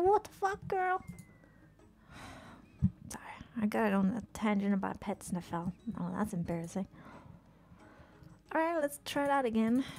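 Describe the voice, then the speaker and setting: A woman streaming a video game, chatting casually, swearing often and reacting with quick exclamations. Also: mid-range voice, a little mellow. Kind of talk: casual live-stream commentary while playing.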